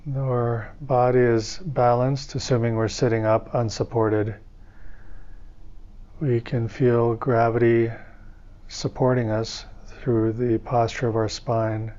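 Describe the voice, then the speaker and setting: A man with a mid-range voice leads a guided meditation as a teacher, speaking in calm, soothing, measured phrases with pauses in between. The recording has its highs cut off.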